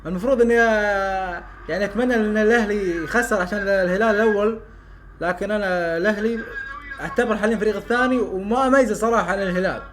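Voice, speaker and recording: A young man, his voice sitting very high and his words tumbling out quickly. He calls a football match as a live reaction, dropping to low muttering between plays, then erupting into excited shouts when a chance comes. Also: a little hiss or hum.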